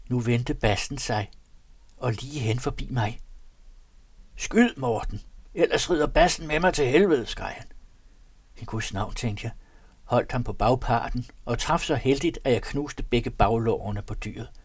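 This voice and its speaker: A man's voice: mid-range voice, darkish tone, breathy edge, no echo. Man reading an old diary aloud. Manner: earnest, measured literary reading. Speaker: narrator.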